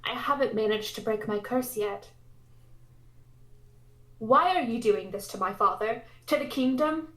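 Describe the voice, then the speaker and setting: A woman's voice: on the high side, expressive, unhurried, pauses often, a bit bright. A woman voicing an earnest, indignant young princess heroine in a dramatic visual novel read-aloud. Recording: roomy, echoey sound.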